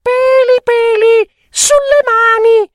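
A man's voice: extremely high pitch, steady tone, slow pace, no room sound, studio quality, voice pushed up. A man voicing a bold little princess who teases with sing-song rhymes. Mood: teasing. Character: cheeky little princess girl, bold and teasing.

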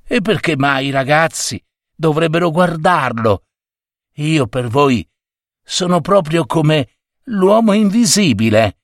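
A man's voice: on the high side, lively intonation, takes it slowly, no room sound, studio quality. A man doing a kindly old pensioner.

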